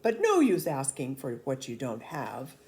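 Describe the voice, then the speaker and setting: Sly storybook soldiers, acted out by a woman reader: theatrical sighs, boastful hints, very animated pitch, unhurried. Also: full character voice. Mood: sly, wistful. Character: wily soldiers, men, sighing and slyly boastful. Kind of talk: children's storybook read-aloud.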